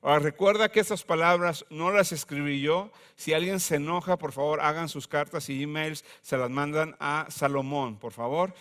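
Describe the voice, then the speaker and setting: A pastor preaching a conversational sermon with humor and slang. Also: male voice, on the high side, moderate pace, few pauses, fairly bright tone.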